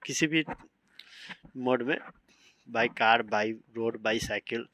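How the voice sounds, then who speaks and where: A man's voice: mid-range voice, drawn-out words, sharp tone, no room sound. Guy teaching vocab, spells every word out, keeps checking the class follows, dry room. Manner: spells words letter by letter, often asks "samajh rahe na". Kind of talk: vocabulary lesson, spelling out words.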